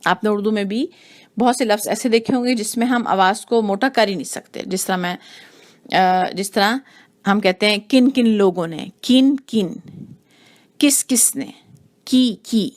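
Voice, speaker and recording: Woman patiently teaching Quran recitation. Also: medium pitch. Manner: slow, demonstrates sounds by repeating them. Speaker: tajweed teacher.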